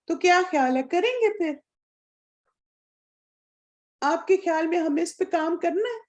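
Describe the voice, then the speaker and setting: A woman with a high voice teaching a religious lesson. She talks earnestly and instructively, puts questions to her listeners, and slips English words into her speech. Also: animated, darkish tone, muffled recording. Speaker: Quran course teacher.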